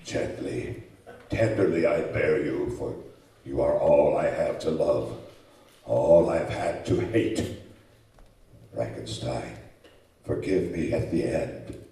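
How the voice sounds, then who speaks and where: Sad gravelly monster, super low n slow, solemn radio play thing, echoey room. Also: male voice, dark tone. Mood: tender, sorrowful. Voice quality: very deep, gravelly. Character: sorrowful male man-made monster, tender yet menacing. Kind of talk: old-time radio drama acting. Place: live on stage in a community hall. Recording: echoey hall, distant mic.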